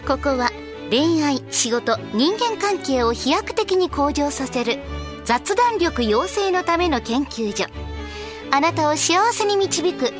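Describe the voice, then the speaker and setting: A woman's voice: high voice, expressive, takes it slowly. A woman radio host with a Kansai accent, playful and giggly, with a cartoonish delivery. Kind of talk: comedy radio talk. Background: music.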